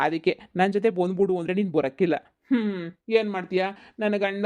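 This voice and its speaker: A woman's voice: on the low side, mellow, lightly acted. A woman doing a sweet-talking village suitor. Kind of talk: cartoon comedy voice acting.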